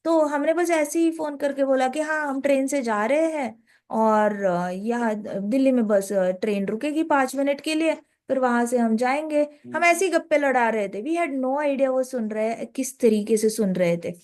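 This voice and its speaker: A woman's voice: sits high, normal speed, darkish tone. Woman giving a casual scripture talk. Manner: conversational, mixes English phrases. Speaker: devotional speaker.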